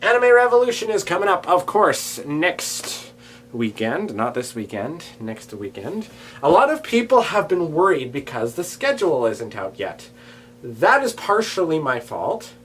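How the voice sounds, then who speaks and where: A man talking casually to camera in a daily vlog, animated and rambling, jumping between loud bursts and quiet asides. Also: sits high, a little slow, a little hiss or hum. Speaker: vlogger.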